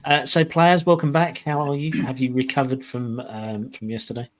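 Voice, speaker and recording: A man's voice: mid-range voice, level tone, moderate pace. A man hosting a casual tabletop game livestream as game master. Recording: clearly noisy background.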